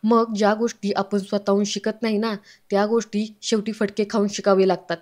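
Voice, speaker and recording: A woman's voice: medium pitch, level tone, brisk, a little mellow, close to an everyday voice. A woman voicing an older grandfather who talks in a chatty, reflective way as she retells a family serial. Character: grandfather, older man, fond of cooking.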